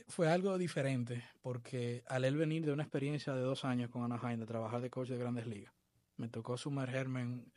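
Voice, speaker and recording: A man from the Dominican Republic, a baseball coach being interviewed, talking in a measured, reflective way. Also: medium pitch, a little mellow, no echo. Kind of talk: podcast interview.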